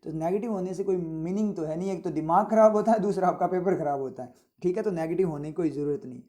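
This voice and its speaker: Mellow-voiced male vocabulary teacher. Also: sits high, quick pace. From India. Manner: repetitive explaining with frequent rhetorical checks. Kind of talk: vocabulary lesson with motivational asides.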